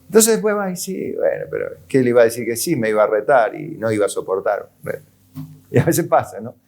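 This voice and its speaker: A man's voice: medium pitch, wildly swooping pitch, brisk, gravelly, darkish tone. A man pastor with an Argentine accent, preaching a sermon in a conversational way, full of rhetorical questions and light chuckles. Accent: Argentine Spanish.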